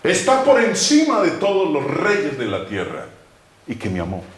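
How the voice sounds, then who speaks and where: Preacher guy, lively voice that jumps high then drops way low, really echoey room with some hiss. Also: normal speed. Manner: dramatic, swings between loud emphasis and low hushed phrases. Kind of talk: sermon. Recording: very echoey room with faint noise.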